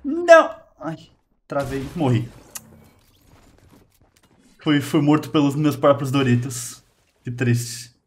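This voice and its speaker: A man with a Brazilian Portuguese accent, hosting a gaming video and commentating his matches casually, quick to exclaim and laugh at his own plays. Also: medium pitch, fairly even intonation, a little mellow.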